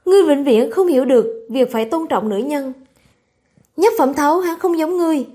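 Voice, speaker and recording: A nosy young woman from a martial arts tale pesters for gossip in a high, coaxing voice, put on by a female narrator. The tone is soft and mellow rather than bright. She wheedles and teases. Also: lively intonation, brisk. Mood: curious.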